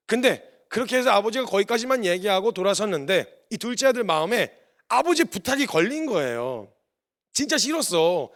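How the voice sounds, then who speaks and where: Man preacher, highish voice, storytelling sermon, acts out the bits, earnest. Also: a bit bright. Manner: storytelling, acting out the dialogue; earnest and confessional. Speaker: missionary preacher.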